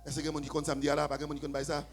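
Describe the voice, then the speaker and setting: A man with a Haitian accent preaching a sermon in church, swinging from low, quiet talk to shouted, half-sung preaching. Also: completely flat delivery, fast talker, faint music behind. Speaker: pastor. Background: faint keyboard.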